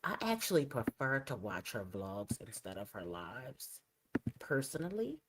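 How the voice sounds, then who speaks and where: A low-pitched woman talks through a casual reaction video. She is chatty and opinionated, and she trails off into quiet asides while she fiddles with her screen. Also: sing-song, a little slow, heavy background noise. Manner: chatty, opinionated, drops to a mutter while setting up clips. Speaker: commentary channel host.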